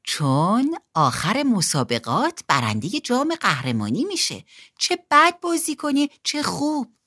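A woman's voice: on the high side, wildly swooping pitch, a bit bright, heavily acted. A woman voicing a blunt, cheeky older brother in a storybook reading, teasing.

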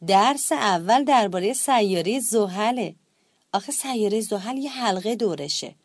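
A woman's voice: mid-range voice, animated, no echo, close to an everyday voice. A woman reading a children's storybook, voicing a cheerful young schoolboy who thinks he's an astronaut, in an eager, earnest tone.

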